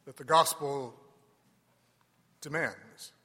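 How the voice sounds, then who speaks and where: A man speaking as a priest in a large, echoing church, reading scripture and preaching in a solemn, deliberate way with pauses. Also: medium pitch, pushed and bright. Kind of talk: Gospel reading and homily.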